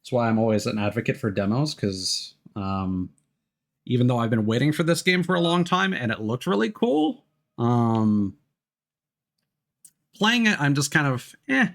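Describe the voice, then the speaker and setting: Over game music, a man casually comments on a video game he's livestreaming, keeping things laid-back and noncommittal. His medium-pitched voice is expressive and moves at a moderate pace.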